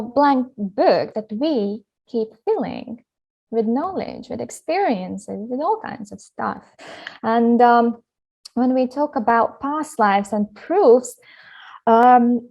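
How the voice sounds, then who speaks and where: A woman's voice: a little high, a little mellow. A woman from Latvia, a guest on a podcast, explaining her work in an upbeat, eager way. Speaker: hypnotherapy guest. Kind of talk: podcast interview.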